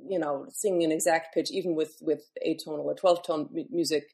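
A woman with a somewhat low speaking voice talks through her craft as a classical singer. She explains things thoughtfully in an unscripted interview, often pausing on fillers and restarting her sentences. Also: fairly even intonation, gravelly, dark tone. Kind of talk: podcast interview.

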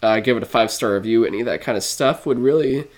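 A man's voice: mid-range voice, fast talker. A young man co-hosting a podcast, rambling through a casual outro with many fillers and restarts. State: dry throat. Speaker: podcast co-host.

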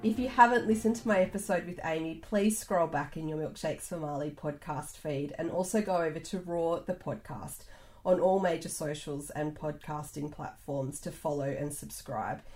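Low-voiced woman reading an outro. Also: normal speed, a little mellow. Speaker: podcast host. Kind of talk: scripted outro narration.

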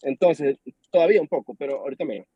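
A young Venezuelan man with a Venezuelan accent, chatting as a podcast guest and telling an animated story while acting out the dialogue. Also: a little high, racing, husky, no room sound. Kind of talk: casual chat. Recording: dull lo-fi sound.

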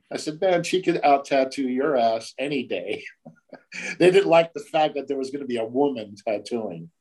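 A man's voice: medium pitch, mellow, low-quality recording. An older man, a tattoo artist, telling stories in a casual, profane way and acting out the voices of the people in them. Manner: profane, acts out quoted voices. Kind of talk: casual storytelling.

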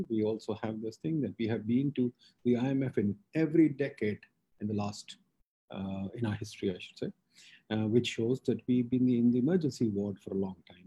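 A man's voice: medium pitch, mellow, slightly rough, rough recording. A man with a Pakistani accent hosting a webinar, presenting informally with slides in short, emphatic statements. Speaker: webinar host.

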